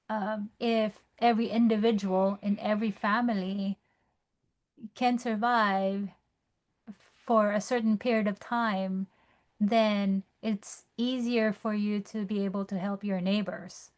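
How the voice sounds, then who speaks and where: A woman from the Philippines, the host's wife speaking off camera, talking in a measured, slightly hesitant way. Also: medium pitch, fairly even intonation. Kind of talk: casual call-in talk.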